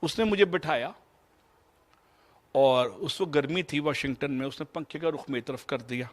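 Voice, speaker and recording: A man in his fifties from Pakistan with a Pakistani Urdu accent, telling a personal story in a motivational lecture and slipping English phrases into his Urdu. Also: on the high side. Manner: mixes English phrases into Urdu, shifts between loud and soft. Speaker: motivational speaker.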